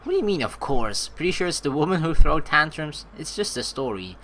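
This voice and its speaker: The recording carries slight hiss or hum, and the medium-pitched voice moves fairly quickly. It's a let's play streamer reading the game's story lines aloud with animated, joking, sarcastic asides while game music plays.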